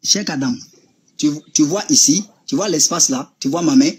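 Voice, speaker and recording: A man speaks over a video call in a heated debate. His voice sits a little high and is deeply husky and rough, and he talks insistently. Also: moderate pace, darkish tone. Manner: insistent, describes with gestures on camera.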